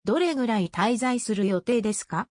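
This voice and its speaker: A woman reading short travel phrases in a crisp, even scripted delivery. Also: a little high, rapid-fire, no room sound. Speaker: phrase reader.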